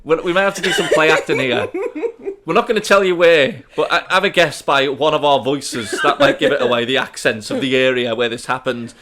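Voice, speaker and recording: A man's voice: medium pitch, fairly quick, a crowd in the background. A man in his thirties co-hosting a casual chat podcast, joking and laughing often. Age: 30s. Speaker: podcast co-host.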